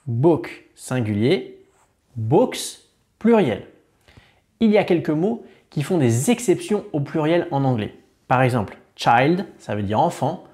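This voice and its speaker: A young man with a French accent teaching a beginner language lesson, saying words slowly and clearly so learners can copy them. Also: fairly high pitch, sing-song, a little mellow. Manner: slow, careful model pronunciation of words. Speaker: English teacher.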